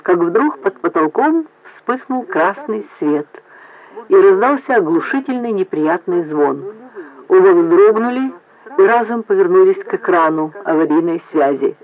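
High-voiced male radio narrator. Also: animated, a little slow. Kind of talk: scripted narration of a radio story. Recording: tinny phone-like lo-fi radio recording.

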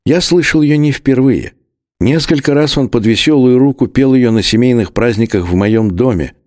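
A man narrating an audiobook with dramatic, expressive delivery. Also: mid-range voice, moderate pace, no echo, clean studio sound. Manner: dramatic, animated.

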